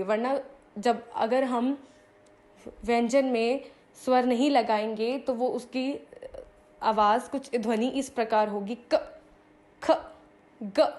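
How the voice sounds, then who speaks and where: A woman's voice: on the high side, a little mellow. A young woman teaching a grammar lesson to children. She asks the class questions, answers them herself, draws out sounds and repeats key phrases.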